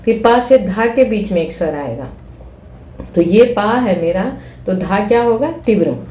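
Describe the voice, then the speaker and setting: A woman's voice: mid-range voice, animated, normal speed, warm tone, echoey room, poor audio. A woman teaching flute who explains patiently, repeating steps and checking that listeners follow. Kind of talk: explaining a music lesson.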